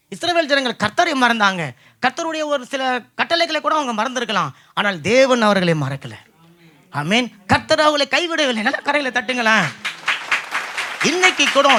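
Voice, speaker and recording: Male pastor, high, very bright sharp voice, fervent sermon delivery. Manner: fervent preaching, calls for amen.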